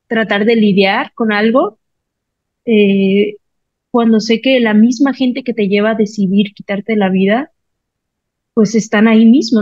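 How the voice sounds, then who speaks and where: A woman gives an emotional personal testimony, retelling conversations in animated voices. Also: mid-range voice, dry recording, highs cut off. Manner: emotional, animated storytelling with lively retold quotes. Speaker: podcast guest.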